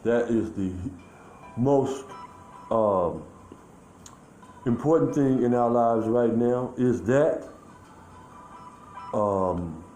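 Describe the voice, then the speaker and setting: A man talking in a rambling, halting way, full of fillers and restarts, in a casual monologue recorded outdoors. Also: medium pitch, mellow, roomy sound, soft background music, rough recording.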